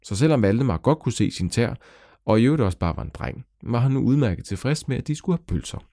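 A man narrating a children's story in a lively, animated way. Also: dry recording, studio quality. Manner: lively, animated storytelling with sudden pitch jumps.

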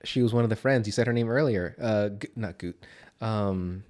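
A man's voice: fairly low pitch, normal speed, a little mellow. A man with a nasal voice chatting casually as the co-host of a movie podcast. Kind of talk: casual movie discussion, swearing.

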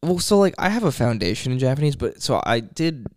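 A man co-hosting a podcast, deadpan and wry, swearing casually as he tells stories. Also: mid-range voice, a little fast, no room sound, studio quality. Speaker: podcast co-host. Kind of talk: casual chat.

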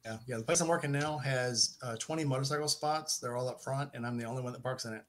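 A middle-aged man leads a relaxed podcast conversation in an ordinary mid-range voice. He meanders through his points, restarts sentences and corrects himself on the fly. He throws in easy jokes as he goes. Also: medium pitch, quick pace. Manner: rambling, self-correcting, joking. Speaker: podcast host. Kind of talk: casual chat.

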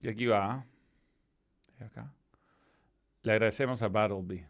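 His pitch fairly low and his pace moderate, a Chilean-accented man hosts a football stream. He chats casually, swearing without restraint as he goes through chat messages.

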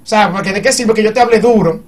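High, fast-talking man. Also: distant mic. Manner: animated, argues by giving examples. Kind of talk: casual group discussion.

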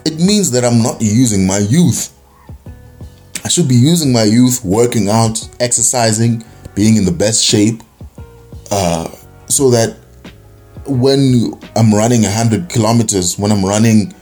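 A man's voice: on the low side, unhurried, warm tone, faint music behind. A young man from South Africa with a South African accent, giving a rambling, casual opinion monologue full of fillers and restarts. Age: young adult.

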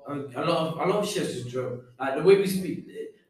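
Young uk guy talking fast and loose, slightly high voice, echoey room, mic kinda far. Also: lively intonation, a little mellow. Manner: loose, swearing, slang-heavy. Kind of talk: casual chat.

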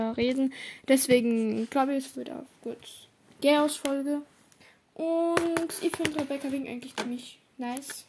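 A woman chatting casually in a relaxed, offhand way, her remarks trailing off quietly. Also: sits high, slight background noise. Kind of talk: casual chat.

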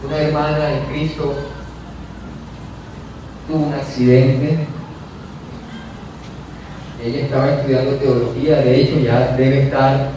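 A man's voice: medium pitch, flat delivery, a little slow, pauses often. A man preaching a sermon, telling a story and rising to fervent passages. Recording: echoey hall from far off, faint noise.

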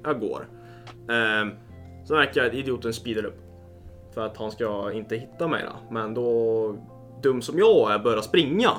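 Swearing, excitable young man telling stories. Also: mid-range voice, faint music behind. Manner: excitable storyteller, swears a lot, lots of fillers. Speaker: podcast co-host. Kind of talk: casual podcast chat, storytelling.

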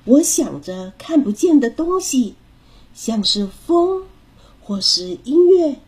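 A woman's voice: high-pitched, very animated, takes it slowly, darkish tone, slightly rough, pitched above the performer's own voice, heavily acted. A woman voicing a confident, teasing young girl who leads the way in a storybook reading. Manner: bossy and teasing.

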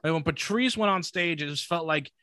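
A man in his twenties, a comedian guest talking casually and profanely on a podcast, animated in his storytelling. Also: fairly high pitch, fairly quick, no room sound. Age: 20s.

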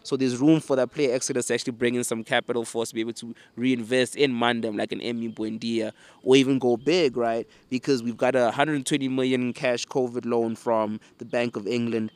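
A man's voice: medium pitch, flat delivery, a little fast, darkish tone, dry recording. A man talking casually and bluntly about football as a fan-show host, in slangy urban talk with some swearing. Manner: slangy urban talk, peppered with bro, fam and mandem. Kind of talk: casual opinionated football transfer commentary.

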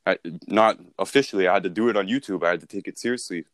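In an informal sales training talk, a male mentor speaks in a low voice at a rapid-fire clip with no echo. His explanations are instructive, conversational and emphatic.

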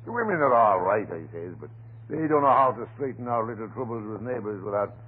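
A man acts in an old-time radio drama as a folksy, stubborn off-duty police desk sergeant neighbor, blustering and garrulous, chatty and full of folksy turns of phrase. His expressive, lightly acted delivery is fairly quick and swings widely in pitch, and the old recording sounds narrow and tinny with some hiss.

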